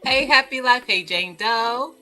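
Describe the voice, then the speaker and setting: A woman's voice: fairly high pitch, measured pace, pushed and bright, faint music behind. A woman in casual chat on a crafting livestream, friendly and greeting everyone by name.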